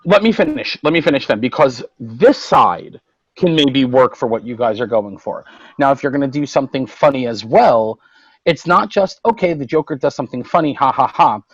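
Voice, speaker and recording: A man co-hosting a casual roundtable podcast, retelling comic book plots in animated detail. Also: medium pitch, moderate pace, breathy edge, no echo, lo-fi sound. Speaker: podcast co-host.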